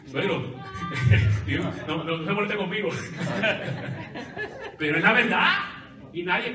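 A male pastor with a high, bright, forceful voice delivers a sermon, trading call-and-response with his congregation. The recording comes from far off in an echoey church sanctuary.

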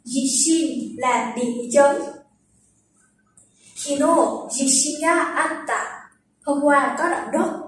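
A young woman teaching Japanese vocabulary, patiently explaining and slowly repeating words to show their pitch accent. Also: a little hiss or hum. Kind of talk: vocabulary lesson. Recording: very echoey room, distant from the mic.

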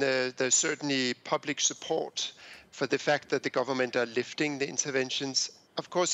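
A middle-aged Danish man with a Danish accent, a public health expert speaking in a remote news interview over a headset, measured and hesitant with many fillers. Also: mid-range voice, gravelly, fairly bright tone, highs cut off. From Denmark. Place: small home office indoors. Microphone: headset mic on a video call.

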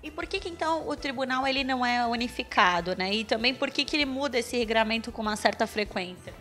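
Polite young woman interviewer, higher voice. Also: expressive, fast, fairly bright tone, faint music behind. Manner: polite, formal questioning. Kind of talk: interview questions. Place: small office, indoors. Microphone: handheld interview mic.

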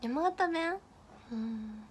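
A woman's voice: fairly high pitch, lively intonation, extremely slow, slight background noise. A young woman from northeastern Japan chatting casually on a livestream, reading viewer comments, giggling and fumbling through tongue twisters. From Miyagi, Japan. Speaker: idol livestream host.

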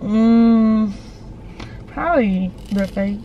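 A woman's voice: on the high side, very slow, highs cut off. A 20-year-old woman from Wisconsin, a guest chatting bluntly and offhand in a parked car. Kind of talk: casual chat. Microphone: camera on dashboard. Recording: noisy car interior.

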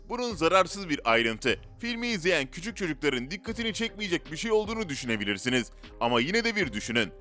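A man with a medium-pitched, fairly bright voice narrates a list video from a script, telling it in a dramatic, rhetorical way over background music.

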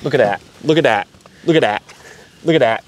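A man's voice: mid-range voice, fairly quick, a little hiss or hum. A young man chatting in a laid-back way while ice fishing outdoors, picked up by a camera mic on the ice. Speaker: fishing partner. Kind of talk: casual chat. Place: outdoors on a frozen lake.

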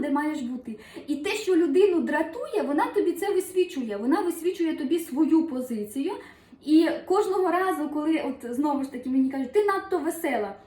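A chatty Ukrainian woman gives a motivational talk to her viewers, high in pitch and mellow in tone. She fills her speech with asides and little acted-out moments. The sound carries a roomy echo. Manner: chatty, lively, many fillers and acted-out asides. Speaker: numerologist and self-help vlogger. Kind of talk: casual motivational monologue.

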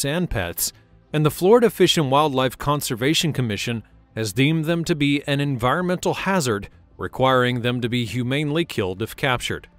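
A man narrating a scripted wildlife countdown, steady with dramatic emphasis, over faint music. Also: medium pitch, no echo. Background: faint background music.

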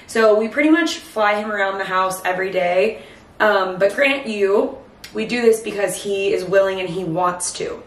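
A woman's voice: mid-range voice, normal speed. A woman in her thirties talks to camera in a chatty, instructional way. She sounds short of breath as she explains things step by step. The recording is echoey, with the microphone set some distance off in a kitchen. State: breathless from late pregnancy. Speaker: host of a pet bird channel. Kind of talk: casual instructional talk to camera. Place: home kitchen, indoors.

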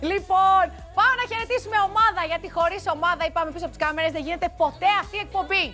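Bright high-voiced woman TV host. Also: soft background music. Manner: playful teasing banter with crew. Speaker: TV show host. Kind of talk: lively studio chat to camera. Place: TV studio.

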